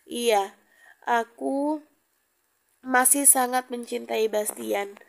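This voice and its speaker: A woman reading a story aloud, voicing a guilt-ridden young woman who speaks softly and haltingly. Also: on the high side, creaky, full character voice. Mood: guilty.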